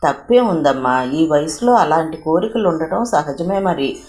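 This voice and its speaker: A warm-hearted elderly aunt consoles and chides with fond affection, as a woman reads her part in a storybook reading. The voice is low-pitched and carries a roomy echo. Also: expressive, measured pace. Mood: fond scolding. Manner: affectionate, gently scolding. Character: elderly aunt, kind and comforting.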